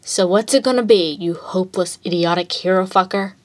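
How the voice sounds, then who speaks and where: A woman's voice: fairly low pitch, a little fast, lightly acted. A woman voicing Dabi, a crude taunting male villain. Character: brash scarred male villain, mocking. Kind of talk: fan fiction read aloud.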